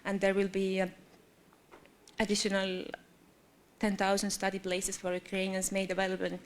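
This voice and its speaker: A woman gives a statement on a conference panel about public employment services. She speaks haltingly, with many restarts and fillers. Her pitch stays flat and even.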